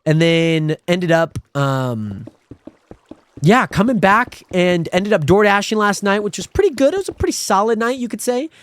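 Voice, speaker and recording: This animated Spokane livestreamer in his twenties rambles amiably while reading comments from his viewers, his voice now and then leaping suddenly high. He talks at normal speed in a smooth voice, and there's no echo.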